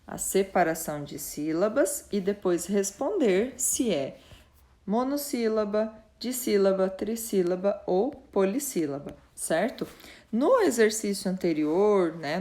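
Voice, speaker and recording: A woman teacher explaining a lesson patiently, often checking in with her students and slowly drawing out example words. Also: medium pitch, warm tone.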